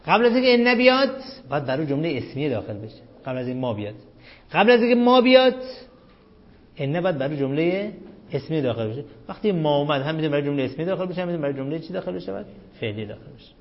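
A man with a fairly high voice teaches a grammar class, firing questions at his students and answering them himself. He recites the analysis of each word in a slow, chanting cadence. The recording is dull and lo-fi. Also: very animated. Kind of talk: Arabic grammar lesson.

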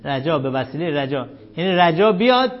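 A man's voice: a little high, sing-song. Man lecturing a grammar class, lo-fi. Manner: quizzing students and answering himself, chanting Arabic text slowly. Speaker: teacher of Arabic grammar. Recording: dull lo-fi classroom recording.

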